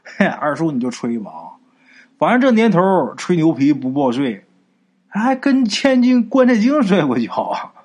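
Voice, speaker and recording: A man's voice: fairly high pitch, big pitch swings, moderate pace, darkish tone. A man voicing teasing young village men who mock a boast in disbelief. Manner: mocking, disbelieving.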